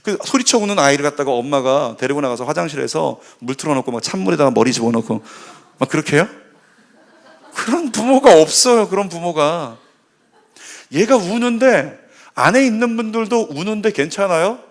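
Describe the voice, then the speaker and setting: A man's voice: on the high side, lively intonation, brisk. A male pastor preaching a sermon at a church service, leading the congregation in call-and-response repetition.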